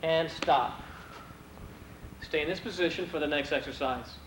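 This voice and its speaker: A man leading stretching exercises with calm, steady commands and counted reps, heard from a worn VHS tape copy. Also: fairly high pitch, unhurried, echoey room, background noise. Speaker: martial arts instructor.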